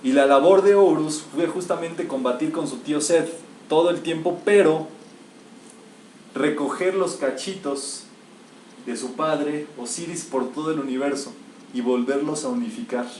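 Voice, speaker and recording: Emphatic and fond of rhetorical questions, a metaphysics teacher delivers a spiritual lecture to listeners gathered in an echoey room. His voice is a little high, a little slow, and slightly mellow. The mic sits far away, leaving a faint hiss.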